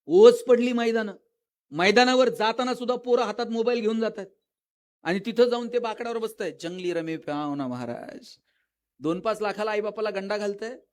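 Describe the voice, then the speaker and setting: A man giving a lively motivational lecture at a school event, telling funny stories and acting out the characters' lines. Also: high voice, fairly quick. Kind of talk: public lecture with storytelling.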